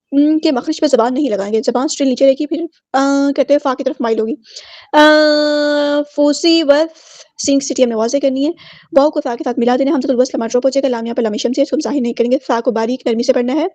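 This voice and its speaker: A woman with a high voice gives a word-by-word tajweed lesson. She chants each word in a long, slow recitation, then explains the rules in brisk, plain speech. The sound is close and dry, with a slightly dull tone. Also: mellow, dry recording. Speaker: Quran recitation teacher.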